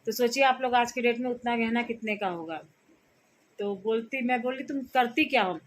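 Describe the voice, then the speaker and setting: A woman vlogger in her thirties rambles through a personal story for her viewers, casual and chatty, full of fillers and restarts. Her voice is on the high side, with fairly even intonation at a normal pace.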